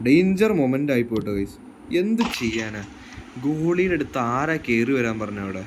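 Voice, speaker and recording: A man's voice: mid-range voice, big pitch swings, moderate pace, background noise. A man with a Malayali accent giving casual football game commentary, mixing English words and phrases into his Malayalam. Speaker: gaming YouTuber.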